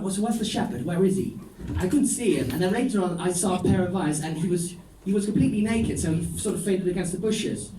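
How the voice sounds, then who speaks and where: Delivering a stand-up set, this high-pitched male comic tells stories with dry irony and deadpan asides. The room is echoey, his voice comes from afar, and there's a little noise in the background.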